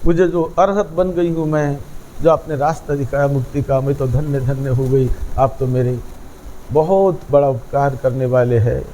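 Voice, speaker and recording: A man's voice: mid-range voice, steady tone, moderate pace, warm tone, a little hiss or hum, close to an everyday voice, rough recording. A man voicing an elderly nun who speaks in a humble, thankful way, told as a quote within a sermon. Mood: grateful. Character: elderly woman, a grateful dying nun.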